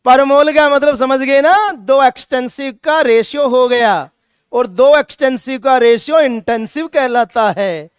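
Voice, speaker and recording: A man's voice: very high-pitched, unhurried, smooth, no echo, studio quality. A male chemistry teacher lecturing a classroom, scolding students and repeating his points with emphasis.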